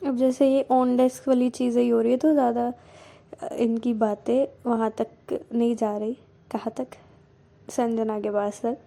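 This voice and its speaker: Mellow chatty woman storyteller. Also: on the high side, flat delivery, a little slow, creaky. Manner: chatty, explaining as she goes. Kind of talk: casual story narration.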